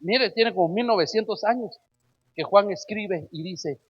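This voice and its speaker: High-voiced husky male preacher. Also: a little slow, dull audio. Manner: emphatic, keeps addressing listeners as brother, rhetorical questions. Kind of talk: sermon.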